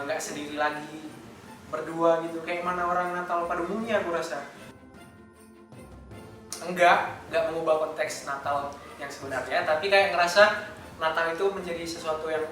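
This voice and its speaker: Young man of nineteen, student, earnest casual talk, bright forceful tone, in an echoey room well away from the mic. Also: fairly high pitch, steady tone, brisk, far from the mic, soft background music. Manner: earnest, loose with frequent fillers. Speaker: university student.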